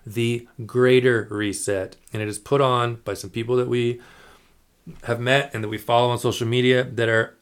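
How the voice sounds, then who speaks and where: A man's voice: mid-range voice, flat delivery, normal speed. A man hosting a podcast in casual chat, reading passages aloud and explaining them in a loose, rambling way. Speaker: podcast host.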